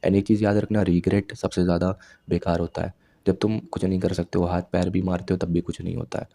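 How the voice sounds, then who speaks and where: A young man in his twenties speaks low and flat, his voice gravelly and dark. He lectures his viewers directly, handing out blunt self-improvement advice one point at a time. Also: brisk. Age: 20s. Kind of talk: advice monologue to camera.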